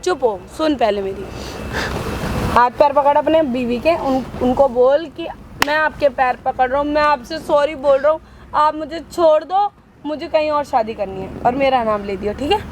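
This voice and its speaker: A woman's voice: sits high, normal speed, slight background noise, close to an everyday voice. A woman playing a bossy blackmailing mistress. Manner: bossy, taunting, switches to coaxing. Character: scheming pregnant woman blackmailing her employee into marriage. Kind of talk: scripted short drama.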